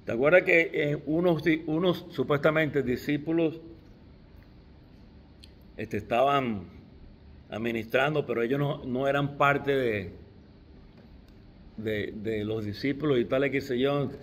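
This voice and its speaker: A man's voice: mid-range voice, a little slow, long pauses, a little hiss or hum. A middle-aged man preaching a sermon, stressing key words with restarts along the way.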